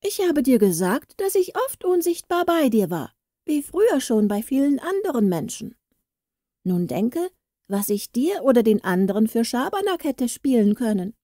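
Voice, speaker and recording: A woman's voice: fairly high pitch, very animated, moderate pace, dark tone, no echo, studio quality. Woman reading as a grumbling little dwarf man. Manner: grumbling, lecturing. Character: small proud grumbling male dwarf, kindly but touchy.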